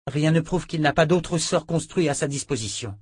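A man voicing a sharp, level-headed woman who argues her point in a fantasy audiobook. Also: a little high, moderate pace, husky, no room sound, clean studio sound, voice pushed up. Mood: measured.

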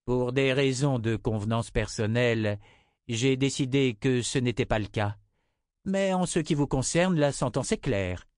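Guy doing a cold calm lady inquisitor from a fantasy audiobook, raised voice, dry sound. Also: mid-range voice, unhurried, no echo, lightly acted. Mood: coldly calm. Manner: icy, unshakably composed. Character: cold, calm woman ruling as mother confessor.

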